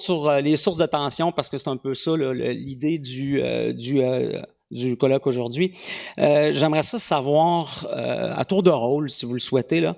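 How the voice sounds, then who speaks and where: A man's voice: fairly high pitch, darkish tone. A man with a Quebec French accent moderating a panel discussion, hesitant with many fillers.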